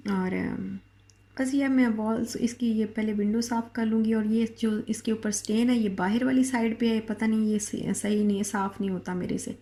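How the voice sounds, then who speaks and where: A woman's voice: fairly high pitch, steady tone, moderate pace, mellow. A middle-aged woman from Pakistan with a Pakistani Urdu accent and a sore throat, chatting in a casual home vlog from her kitchen with many fillers and restarts. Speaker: vlogger.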